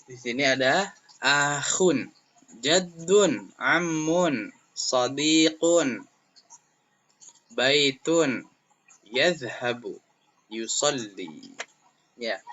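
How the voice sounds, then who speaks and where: An Indonesian-accented man teaches Arabic to young pupils. He stretches out sounds and repeats words in emphatic drills. His voice is bright and slightly high, his pace very slow, and the recording is dull and lo-fi. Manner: drawn-out, emphatic pronunciation drills. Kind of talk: classroom lesson video.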